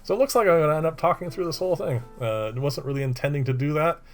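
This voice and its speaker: A middle-aged man presenting a casual woodworking voice-over in a monotone, droning, rambling and hesitant way. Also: a little high, very fast, soft background music. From Canada.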